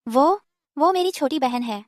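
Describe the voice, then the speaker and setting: Jealous young wife, dubbed drama, scheming, resentful, high voice. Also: female voice, animated, measured pace, no room sound. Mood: spiteful. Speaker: officer's wife, the sister.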